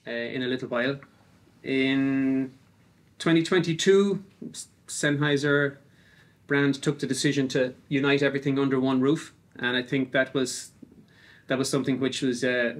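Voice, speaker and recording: A man welcoming visitors as a factory tour guide, halting and repeating his words. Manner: halting, repeats words, steady flat pitch. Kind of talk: informal tour welcome speech.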